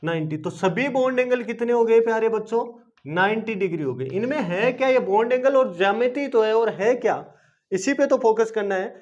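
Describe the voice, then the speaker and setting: High-voiced man teaching chemistry. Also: animated, normal speed. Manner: asks questions and answers them himself; repetitive, coaxing teaching. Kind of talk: classroom-style video lesson. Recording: dull lo-fi video lesson recording.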